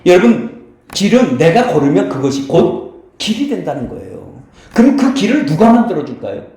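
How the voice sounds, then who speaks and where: A man's voice: sits high, big pitch swings, moderate pace, dark tone. A man preaching a sermon as pastor, posing rhetorical questions and answering them, often addressing the congregation directly. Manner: keeps addressing the listeners directly and blessing them. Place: church sanctuary. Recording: very echoey church hall.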